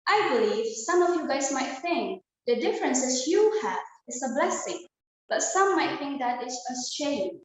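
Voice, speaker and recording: A young Indonesian woman, a student, delivers an earnest, prepared inspirational speech over a video call, speaking directly to her audience. Her voice sits high, and the rough recording is very echoey.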